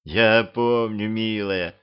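A cruel vampire queen, hungry for power, drawing her words out slowly with cold menace, as a man reads her in an audiobook. The sound is a little dull. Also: lowish voice, steady tone, clear, resonant tone.

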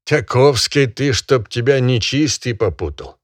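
Man doing a pompous, preachy country gentleman. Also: mid-range voice, dry recording, studio quality, voice pushed up, close to an everyday voice. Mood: sanctimonious lecturing. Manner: sanctimonious, drawn-out lecturing. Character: pompous, moralizing country gentleman scolding a peasant.

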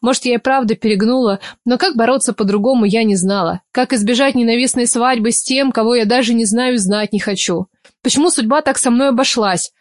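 A woman reads a first-person novel aloud, expressive and emotional. Her voice sits a little high and her delivery is animated. The recording is dry and close, with no room sound. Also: a little fast, dry recording. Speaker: audiobook narrator.

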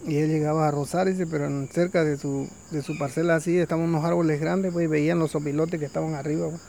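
Gravelly man telling folk tales. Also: fairly high pitch, little pitch movement, quick pace, dark tone, slight background noise. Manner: conversational, full of fillers. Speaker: storyteller. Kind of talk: oral folk storytelling.

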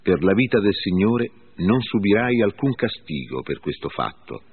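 A man's voice: fairly low pitch, very animated, moderate pace, husky, heavily acted. A man voicing Saul, a troubled ancient king, in an earnest pleading reading. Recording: phone-like lo-fi with faint music.

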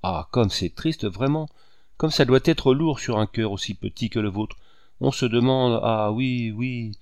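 A man reading the lines of a melancholy, aging male artist who speaks gently and hesitantly, with soft sighs. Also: mid-range voice, unhurried, no room sound, clean studio sound, lightly acted. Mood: tender.

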